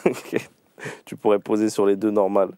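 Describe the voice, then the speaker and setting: A man's voice: lowish voice, level tone, moderate pace, mellow, clear, resonant tone, no echo, clean studio sound. A man hosting a casual livestream interview, firing off playful either-or questions and laughing often. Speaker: host.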